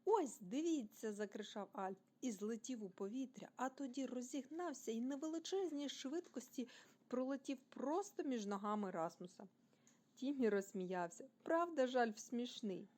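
A woman from Ukraine reading a children's bedtime story aloud, expressive and animated, speaking directly to young listeners. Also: medium pitch.

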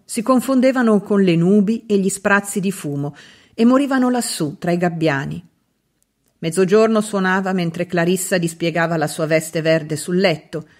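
A woman narrating a literary novel as an audiobook reader, in a measured, expressive reading with dramatic pauses. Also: medium pitch.

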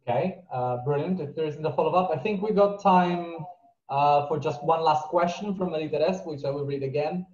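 A man's voice: fairly high pitch, normal speed, a little mellow. Young man moderating in an echoey room. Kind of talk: reading out audience questions. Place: apartment room. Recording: roomy muffled call audio.

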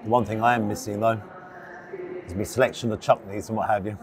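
A man's voice: lowish voice, fairly even intonation, fast talker, a crowd in the background. A man, chatting casually and matter-of-factly to camera as a food vlogger. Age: 50s. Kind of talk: casual vlog talk to camera. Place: large open train station concourse restaurant. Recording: busy station noise and announcements. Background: station ambience, background announcements.

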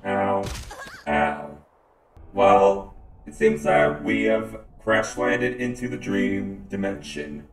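A man with a lowish voice talks in a flat, deadpan way and trips over his words now and then. His dry comic delivery carries through a roomy, echoing space, with loud music playing underneath. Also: slow pace. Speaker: channel host and lead player. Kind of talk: comedic fan-film dialogue.

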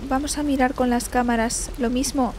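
A young woman from Spain with a Spanish accent, playing a horror game and commenting, shrieking and swearing when startled and speaking slow, loud English to the game. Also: sits high, steady tone, slight background noise. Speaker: gaming streamer. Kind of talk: let's play commentary.

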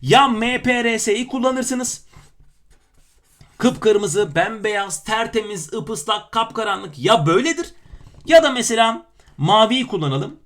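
The speaker is a man with a high-pitched, fairly bright voice, running a grammar lesson built around exam questions. He explains points with emphasis and adds lighthearted self-mocking asides.

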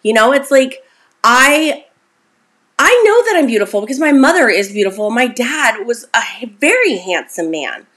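A woman in her forties talks straight to camera, coaching her viewers on self-worth. She is chatty and encouraging and keeps checking in with a quick "okay?". Her voice sits a little higher than most. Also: very animated, a bit bright. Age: 40s. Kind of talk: casual motivational talk to camera.

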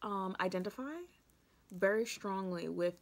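A woman's voice: medium pitch, fairly even intonation, measured pace. A woman vlogger chatting casually with her sister over a meal, giggling often and using lots of slang. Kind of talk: casual chat during a mukbang.

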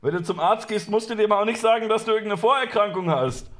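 A young man with a high voice for a man comments on a clip over his stream. He mocks what he hears, swears, and laughs a lot. His delivery is loose and sarcastic. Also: fast, fairly bright tone. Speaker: streamer reacting to a talk show clip. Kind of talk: mocking live-stream commentary.

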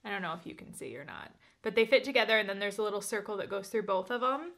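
A woman's voice: medium pitch, expressive, fast talker, gravelly, fairly bright tone. A woman in her thirties talking casually to camera as a home decor vlogger, explaining things step by step in an informal, chatty way. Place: furnished living room at home, indoors.

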